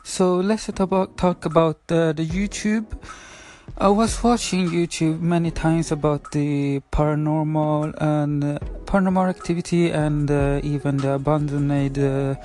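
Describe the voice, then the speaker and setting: A Swedish man in his twenties, whose first language is Spanish but who speaks English with a Swedish accent, hosts a casual solo podcast. His voice is on the high side and darkish, with fairly even intonation and a measured pace, and he hesitates with many fillers and apologies over soft background music.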